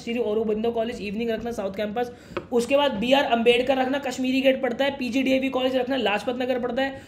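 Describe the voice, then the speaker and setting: A young man explains things quickly and casually, calling the listener "brother". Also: very high-pitched, slight background noise. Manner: fast, brotherly, addresses viewer as "mere bhai". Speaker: education YouTuber. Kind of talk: casual explainer talking to camera.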